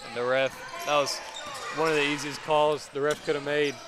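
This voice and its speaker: A young man calling live high school basketball play-by-play, with quick calls that rise when big plays happen. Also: level tone. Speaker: play-by-play commentator. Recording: noisy gym ambience. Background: gym crowd and bouncing basketballs.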